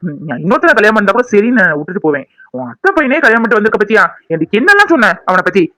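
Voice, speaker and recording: A man's voice: high-pitched, very animated, very fast, bright, forceful tone, dry recording, full character voice, rough recording. A man voicing a jilted young man in a cartoon, bitter and accusing toward the woman who left him.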